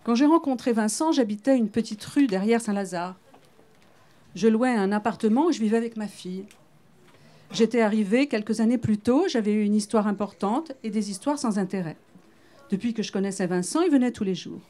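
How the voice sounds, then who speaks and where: A woman author reads her novel aloud at a bookshop in a measured, understated way. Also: a little high, warm tone.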